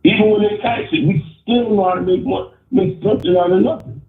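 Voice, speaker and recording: A man calls in over a muffled phone line, his voice squeezed thin and echoing. He talks bluntly and stammers through restarts, pitched a bit high. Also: steady tone, fairly quick. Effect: muffled phone line over an earbud. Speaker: caller. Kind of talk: opinionated call-in rant. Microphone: wireless earbud on a phone call. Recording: muffled, tinny, echoey phone call.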